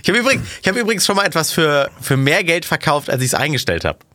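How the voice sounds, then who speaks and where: A joking man tells anecdotes on a podcast with a lively, swooping pitch. He talks quickly, and the recording is dry and close. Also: no echo. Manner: animated storyteller, joking. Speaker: podcast co-host. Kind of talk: casual chat.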